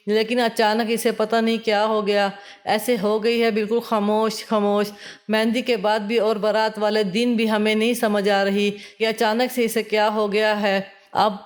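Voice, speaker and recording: A woman narrating an emotional moral story in a steady, even reading voice. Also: on the high side.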